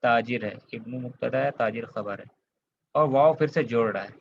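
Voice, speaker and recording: A man's voice: medium pitch, normal speed, vocal fry. A man from India with an Indian accent, teaching an Arabic grammar lesson, patiently repeating points and checking that students follow. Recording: slightly dull lo-fi audio with faint hiss.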